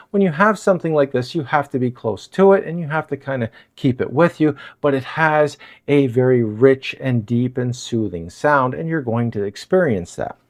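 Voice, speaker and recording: A man giving a casual, chatty gear review in his apartment, recorded on a wireless lavalier mic. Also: medium pitch. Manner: chatty, explanatory, lively delivery. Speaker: product reviewer. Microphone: wireless lav mic.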